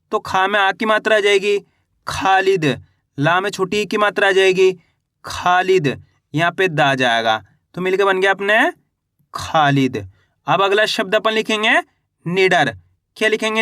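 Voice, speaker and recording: A man's voice: high voice, pushed and bright, no room sound, studio quality. A man teaching Hindi reading by sounding out each syllable, then saying the whole word, and asking questions that he answers himself. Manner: asks the viewer questions and answers them himself. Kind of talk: slow spelling-out lesson.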